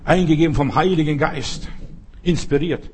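A middle-aged man from the former Soviet Union preaching a sermon, talking straight to the listener and bursting into dramatic shouted cries for help. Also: on the high side, moderate pace, a little hiss or hum. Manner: talks straight to the listener with repeated "verstehst du".

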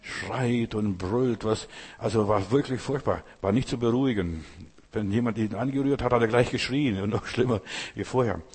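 Husky preacher in a reverberant hall. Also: male voice, mid-range voice, a little mellow. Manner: addresses listener directly, repeats phrases, slow emphatic pauses. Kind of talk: sermon.

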